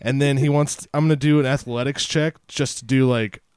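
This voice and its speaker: A man's voice: medium pitch, a little fast, clear, resonant tone, no room sound. A man playing a tabletop game with friends, joking and describing his character's moves. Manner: animated, joking. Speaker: player. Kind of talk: casual tabletop game chat.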